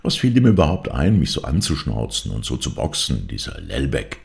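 Brief: a man playing an impulsive young piano pupil, low gravelly voice. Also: wildly swooping pitch, normal speed, full character voice. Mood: grumbling. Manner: snippy, pleading.

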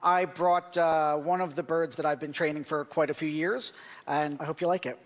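A man's voice: fairly high pitch, steady tone, moderate pace, long reverb tail. A middle-aged man performing stage comedy as a hesitant, mock-earnest animal trainer. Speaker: ventriloquist posing as bird trainer. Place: large theater stage. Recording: loud audience noise in theater.

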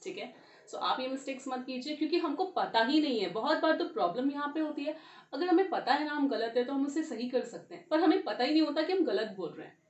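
An Indian-accented woman teaches grammar, switching between Hindi and English and spelling each word aloud. Her voice sits high and swings widely in pitch. She sounds a little far from the mic in an echoey room. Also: animated, quick pace, lo-fi sound. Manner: mixes Hindi and English, spells words letter by letter, asks quiz questions. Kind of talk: grammar lesson.

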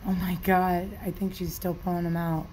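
A woman filming with her phone in a veterinary clinic, commenting with gasping, often hushed exclamations of awe. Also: lowish voice, little pitch movement, normal speed, a little hiss or hum, poor audio. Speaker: dog owner filming a birth. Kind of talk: excited casual commentary.

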